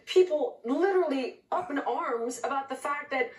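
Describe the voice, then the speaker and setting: A woman from California pressing her case as an interview guest, angry and insistent. Her voice sits a touch high, and it comes through roomy and a little distant from the mic. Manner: outraged, rapid-fire, emphatic. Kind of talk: heated remote interview.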